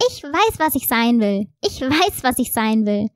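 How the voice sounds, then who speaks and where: A woman voicing an excitable, childlike little soul in a storybook reading. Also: sits high, moderate pace, no echo, studio quality, pitched above the performer's own voice. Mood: excited. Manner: breathless, wide-eyed questioning.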